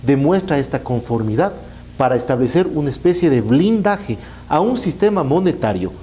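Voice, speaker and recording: Male Ecuadorian politician as interview guest, mellow but emphatic, animated intonation. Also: a little high, normal speed. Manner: emphatic, enumerates his points.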